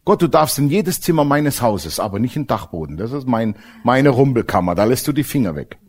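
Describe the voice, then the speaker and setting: A man preaching a sermon to a congregation, animated and direct, asking them questions and mixing in humor. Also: mid-range voice, fairly quick, husky. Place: church service with congregation.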